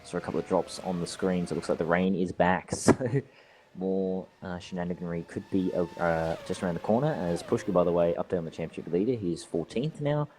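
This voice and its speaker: A man's voice: low voice, fairly quick, a little mellow. A man with an Australian accent doing chatty live commentary on a sim race, rambling with frequent asides.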